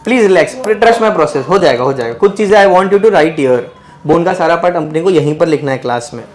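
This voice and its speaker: A man's voice: fairly high pitch, lively intonation, normal speed. A young man teaching biology to a class, teasing his students and mixing English terms into his Hindi. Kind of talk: joking classroom lecture. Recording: noisy classroom crowd.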